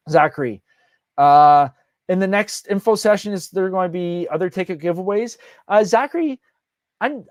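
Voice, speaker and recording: A man's voice: on the high side, dry recording, studio quality. A man hosting a casual live question-and-answer session as a conference organizer, talking loosely with many fillers and restarts.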